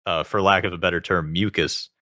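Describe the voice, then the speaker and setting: Really deep guy w vocal fry, crisp bright edge, explaining stuff in an interview, dry sound. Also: fairly even intonation, fairly quick, dry recording. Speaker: interview guest, self-taught singer. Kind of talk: conversational explanation.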